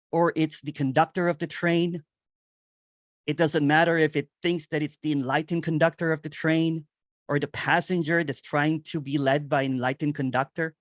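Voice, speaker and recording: A man giving a meditative spiritual reflection on nonduality, repeating phrases and chuckling softly now and then. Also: fairly high pitch, dry recording, studio quality. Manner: meditative, repetitive, with soft chuckles. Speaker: nonduality speaker. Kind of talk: slow spoken spiritual reflection.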